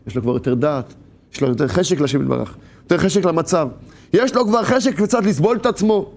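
High-voiced man teaching a Torah lesson. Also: gravelly. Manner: animated, rhetorical questions, bursts of raised voice. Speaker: religious teacher.

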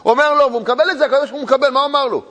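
A man with a high voice preaches a lively religious talk, full of rhetorical questions and playful storytelling. His voice rings with a long reverb, as if recorded in a large hall. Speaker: religious teacher. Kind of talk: lively sermon.

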